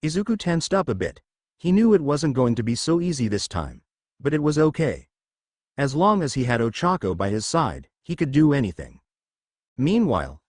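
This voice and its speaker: A man reading fan fiction aloud in a steady storytelling manner. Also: medium pitch, dry recording, studio quality.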